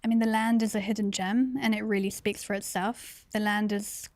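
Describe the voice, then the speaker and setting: A woman in her thirties from London, a conservation co-founder answering interview questions earnestly, with frequent pauses. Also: mid-range voice, little pitch movement. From London, England. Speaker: conservation project co-founder, guest.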